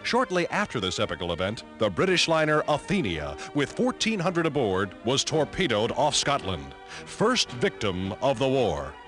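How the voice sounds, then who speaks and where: A man's voice: mid-range voice, wildly swooping pitch, moderate pace, a bit bright. Dramatic old newsreel man narrator. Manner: dramatic, emphatic announcer delivery. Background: music score.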